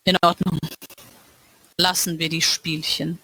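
A man's voice: fairly high pitch, breathy edge, voice pushed down, exaggerated voice. A woman voicing a cold, all-knowing male world ruler. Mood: cold commanding. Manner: slow, calm and lecturing. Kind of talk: dramatic reading of a novel.

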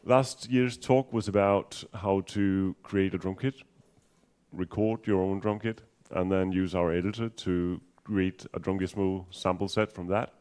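A Danish man with a deep, clear, resonant voice gives a talk at a software conference in accented English. He sounds dark and relaxed while covering technical material, hesitating with lots of ums and restarts and slipping in dry, self-deprecating humor.

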